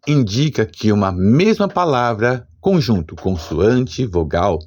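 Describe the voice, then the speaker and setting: Slow, husky Brazilian man teaching. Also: lowish voice, darkish tone. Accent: Brazilian Portuguese. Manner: slow, deliberate explanation with spelled-out examples. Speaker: language teacher. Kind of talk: scripted language lesson.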